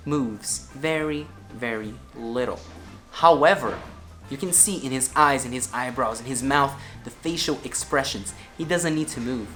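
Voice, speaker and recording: Animated man teaching public speaking. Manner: animated, swings pitch and loudness to demonstrate. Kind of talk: energetic video lesson.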